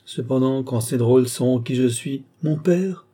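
A man reading an audiobook, voicing a calm, sensible young nobleman who speaks patiently. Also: medium pitch, normal speed, husky, natural voice.

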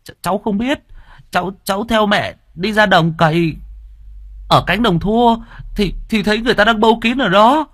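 A man's voice: high-pitched, moderate pace, fairly bright tone, dry recording, studio quality, pitched above the performer's own voice. A man voicing a frightened young village boy who stammers.

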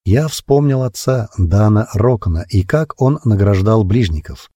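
A man narrating a first-person audiobook in a lively, expressive storytelling manner, close to the mic. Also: lowish voice, measured pace, husky, no room sound.

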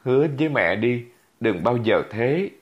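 A man's voice: mid-range voice, lively intonation, unhurried, lightly acted. Man reading as a worried village mother, tearful and pleading, slightly raised voice, dull lo-fi audiobook sound. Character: anxious, tender village mother. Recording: dull lo-fi recording.

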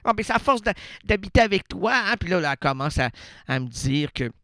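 A man with a Québécois accent, pitched a little high and smooth in tone, rambles through an absurd improvised radio bit. He sounds playful, chuckling at his own jokes, recorded dry and close at a studio mic. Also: sing-song, a little fast, a bit bright, no room sound. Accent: Québécois French. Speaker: radio host.

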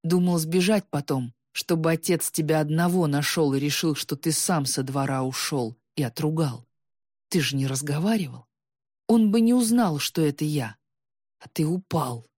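A woman voicing a bitter, jealous young man who shouts resentfully, his voice breaking with tears. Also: low-pitched, normal speed, dry recording, studio quality. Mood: bitter, shouting.

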